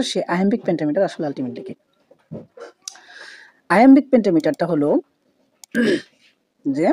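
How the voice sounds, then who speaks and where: A woman's voice: mid-range voice, warm tone, dry recording. A woman giving a patient literature lesson, repeating points and mixing in English terms. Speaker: literature teacher. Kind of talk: explanatory lecture.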